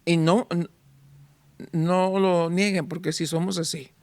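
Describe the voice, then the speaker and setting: A man pastor preaching an emphatic sermon that swings between raised, stressed peaks and soft, low, intimate passages, with phrases often repeated. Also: little pitch movement, takes it slowly, dry recording. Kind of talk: evangelical sermon.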